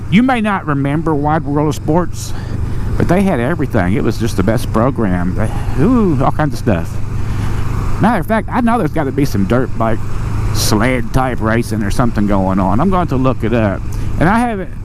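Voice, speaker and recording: A man's voice: medium pitch, moderate pace. Folksy man rambling over motorcycle noise. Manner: folksy, colloquial, thinking aloud. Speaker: motorcycle vlogger. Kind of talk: casual rambling vlog talk while riding. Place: outdoors, riding a motorcycle. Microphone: microphone inside motorcycle helmet. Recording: steady motorcycle engine and road noise.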